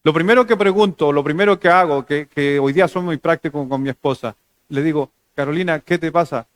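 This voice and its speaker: A Chilean pastor preaches to his congregation in a somewhat high-pitched voice. His sermon is conversational and laced with humor. He swings from loud, emphatic stretches down to soft, low asides. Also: brisk, dry recording, studio quality. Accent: Chilean Spanish.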